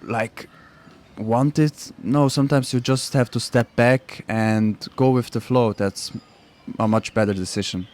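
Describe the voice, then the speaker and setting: Interviewed on the radio, a young man who cycles speaks at a measured pace in a medium-pitched voice. He grew up in Switzerland in a Croatian family, is not a native English speaker, and comes across relaxed, with easy laughter and plain phrasing.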